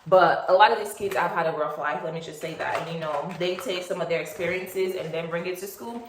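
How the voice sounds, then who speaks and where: A woman's voice: lowish voice, fairly quick, noisy background. A woman in her twenties from Nigeria, vlogging in a rambling, chatty way with lots of fillers and asides. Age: 20s. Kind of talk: casual chat, get-to-know-me story. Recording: echoey room.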